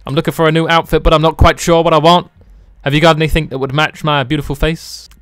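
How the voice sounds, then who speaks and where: British young guy messing about over gameplay, dry close sound, jokey and loud at times. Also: on the high side, little pitch movement, fast, no room sound. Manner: joking, goofy, bursts into loud outbursts. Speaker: gaming YouTuber. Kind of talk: let's play commentary.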